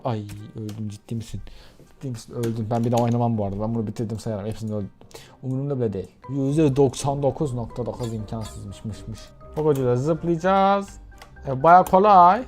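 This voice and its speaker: A young man giving casual let's-play commentary while gaming, excitable and prone to sudden yelps. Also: medium pitch. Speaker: gaming YouTuber.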